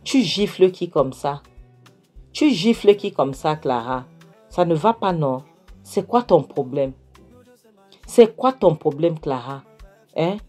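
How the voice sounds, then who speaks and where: A woman voicing a resentful, jealous husband in a retold film, accusing his wife with questions, in a low dark voice. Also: expressive, slow, long pauses, soft background music, full character voice. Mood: indignant. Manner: accusing, pleading questions with tag "hein?".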